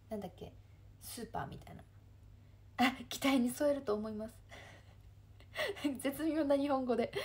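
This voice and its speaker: Woman, Kansai accent, twenties, livestream host, reads comments, laughs a lot, slightly high, husky. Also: dark tone. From Kansai, Japan. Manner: chatty, laughs often, reads comments aloud and answers them. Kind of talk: casual livestream chat reading viewer comments.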